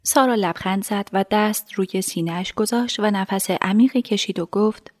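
A woman narrating a radio drama calmly and evenly. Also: medium pitch. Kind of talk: scripted narration.

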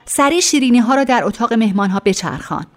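An actress voicing a harsh older woman of the house, sharp and contemptuous in an audiobook drama. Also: fairly high pitch, lively intonation, natural voice. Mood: scolding.

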